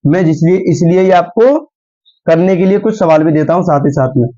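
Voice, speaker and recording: A man's voice: fairly high pitch, a little fast, warm tone. A young man teaching a math lesson at a board, patiently repeating steps and quizzing his students. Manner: patient, repeats steps and asks the class questions. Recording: dull lo-fi sound.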